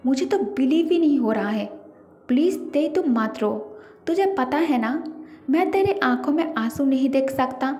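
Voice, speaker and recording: A woman's voice: high voice, expressive, normal speed, darkish tone, pitched above the performer's own voice. A woman voicing a loyal, caring young man who coaxes and reassures his friend. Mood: soothing. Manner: coaxing, reassuring. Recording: echoey reverberant room.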